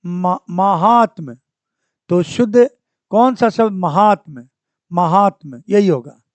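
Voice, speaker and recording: A man with a fairly high voice teaches spelling for exam practice and says each word over and over as he corrects it. He talks at an unhurried pace and clears his throat now and then. The recording is dry and close. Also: expressive, darkish tone, no room sound. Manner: slow and repetitive, saying each word several times and correcting it. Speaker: Hindi grammar teacher. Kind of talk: exam-prep lesson, working through spelling questions.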